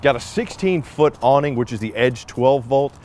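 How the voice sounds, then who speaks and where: A man in his forties talks through a casual walkthrough tour with jokey, upbeat salesman patter. His voice sits at an ordinary middle pitch. He is recorded close up inside a small travel trailer. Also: animated, normal speed, a little mellow, a little hiss or hum. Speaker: RV reviewer.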